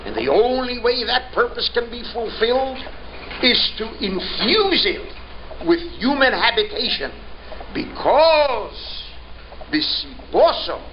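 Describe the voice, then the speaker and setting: A man with a Yiddish-inflected accent teaching as a rabbi in an emphatic sermon style, asking rhetorical questions and drawing out key words. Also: high voice. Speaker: rabbi giving a religious lecture. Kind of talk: Torah lesson, sermon. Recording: dull lo-fi recording, faint noise.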